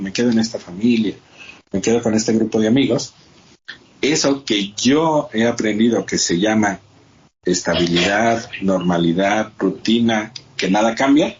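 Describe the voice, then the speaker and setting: A man's voice: fairly low pitch, highs cut off. A man hosting a podcast, explaining ideas step by step in a casual conversational way. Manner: explains step by step, acts out quoted dialogue. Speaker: podcast host.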